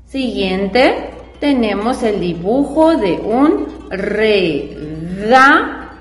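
In a very slow, very animated delivery, a woman with a mid-range voice helps children learn to read by spelling out syllables patiently and quizzing the class with simple questions. Faint music and long reverb come through in the echoey room.

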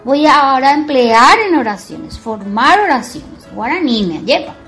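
A woman teacher explaining marks, talking slowly and repeating words to make a point. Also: sits high, expressive, fairly bright tone, faint music behind. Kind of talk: bilingual Guarani and Spanish grammar lesson.

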